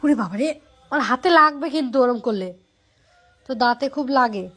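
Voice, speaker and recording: A young woman with a high voice talks to her snapping pet dog. She coaxes and pleads, repeating the same short phrases again and again. Faint music plays underneath. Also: lively intonation, brisk, fairly bright tone. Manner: soothing and pleading with repeated words. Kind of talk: coaxing talk to a pet.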